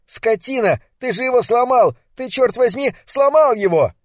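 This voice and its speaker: A man's voice: on the high side, animated, normal speed, a little mellow, no room sound, studio quality. A man voicing a furious young male who shrieks in rage over a broken radio, in an audiobook reading. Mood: shrieking.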